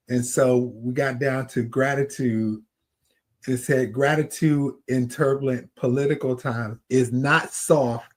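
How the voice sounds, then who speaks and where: A man co-hosting a podcast, reflecting thoughtfully in casual chat. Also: medium pitch. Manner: thoughtful, reads a definition aloud. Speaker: podcast co-host.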